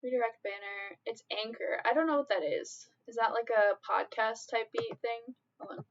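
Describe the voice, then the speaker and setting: A woman's voice: fairly high pitch, fairly even intonation, moderate pace, dull audio, a little hiss or hum. A young woman from Michigan with a Michigan accent, chatting casually on a live stream, rambling and giggling often. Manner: giggly, rambling, easily amused.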